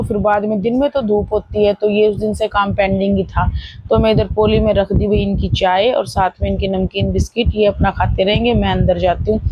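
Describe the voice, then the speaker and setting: A woman's voice: medium pitch, husky, no room sound, lo-fi sound. A woman in her thirties chatting through her household chores as a family vlogger, describing each step as she goes. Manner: chatty, running commentary on chores. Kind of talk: casual daily-life vlog narration.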